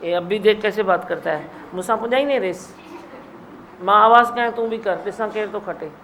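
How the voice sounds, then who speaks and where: A woman's voice: mid-range voice, moderate pace, fairly bright tone, slight background noise. A woman guru gives a sermon, scolding and teasing her listeners and mimicking their mumbling. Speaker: spiritual guru. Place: satsang hall.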